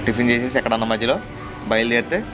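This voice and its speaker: A man talks to his viewers in an easygoing vlog, rambling on and laughing now and then. His voice sits at an ordinary middle pitch. Music plays clearly behind him. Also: level tone, very fast. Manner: chatty, laughs often, repeats stock phrases. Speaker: vlogger. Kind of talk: casual travel vlog chat.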